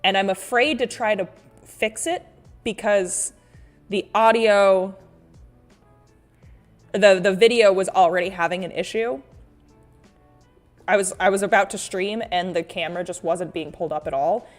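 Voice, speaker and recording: A woman's voice: medium pitch, a little slow, long pauses. Playful, rambling woman livestreamer with music behind. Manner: playful, exclamatory, reads out comments and reacts; rambling, often self-interrupting. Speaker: livestream host and artist. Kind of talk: casual livestream chat with viewers.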